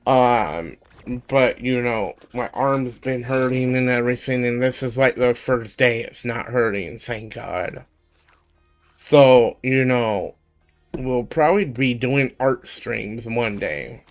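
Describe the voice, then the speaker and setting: A man in his twenties chatting casually on a live stream, rambling with lots of ums and pauses. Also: mid-range voice, faint music behind. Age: 20s.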